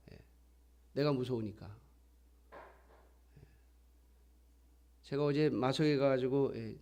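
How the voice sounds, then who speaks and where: A middle-aged pastor delivers a sermon in a relaxed, conversational way. His voice sits a little high for a man. Now and then he slips into acting out the voices he quotes.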